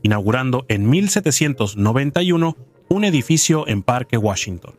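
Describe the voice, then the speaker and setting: A man giving scripted documentary narration in a measured, even storytelling delivery, recorded close as a voice-over. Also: mid-range voice, dry recording.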